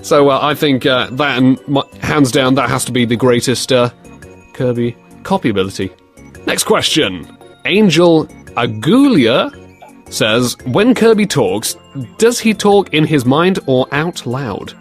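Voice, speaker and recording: A man's voice: medium pitch, lively intonation, unhurried, soft background music. A young British man answering fan questions in a casual, jokey chat, rambling with plenty of fillers and restarts. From Britain. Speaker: co-host of a fan series Q&A.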